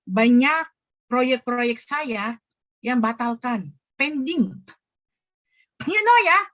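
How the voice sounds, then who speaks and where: A middle-aged woman giving a lively church talk, telling funny stories, acting out the people in them, and slipping English phrases in. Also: fairly high pitch, extremely slow, highs cut off. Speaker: church speaker.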